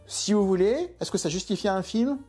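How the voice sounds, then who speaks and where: An exasperated man delivers an opinionated film review. His mellow voice swings up and down a lot as he throws out rhetorical questions, with faint music underneath. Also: high voice, lively intonation, normal speed.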